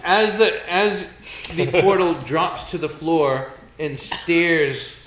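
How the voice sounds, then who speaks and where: A man with a fairly high voice narrates a tabletop game as its game master. He makes it up as he goes, with halting phrasing, and the room echoes clearly around him. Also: fairly bright tone, slight background noise.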